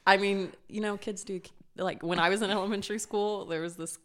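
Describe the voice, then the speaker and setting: A young woman co-hosting a casual podcast chat, chatty and reflective, quick to laugh. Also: mid-range voice, fairly even intonation, a bit bright. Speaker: podcast co-host.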